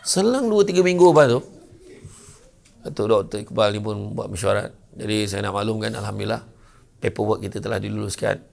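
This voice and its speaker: Gravelly older Malaysian preacher. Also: male voice, fairly low pitch, fairly quick. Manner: lively storyteller who acts out characters. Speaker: religious lecturer. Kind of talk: humorous sermon. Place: lecture venue.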